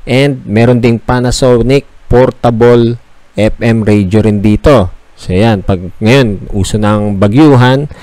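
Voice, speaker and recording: Touring a shop for his vlog, a Filipino man talks slowly and conversationally in a warm tone, pitching products the way a salesman would. The recording has no echo.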